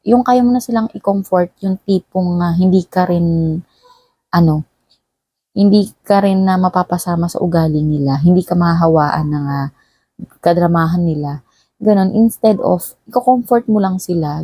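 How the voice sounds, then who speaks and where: A woman's voice: lowish voice, dark tone, dry recording. A woman from the Philippines giving a tarot reading straight to the viewer, chatty and full of tag questions. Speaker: tarot reader.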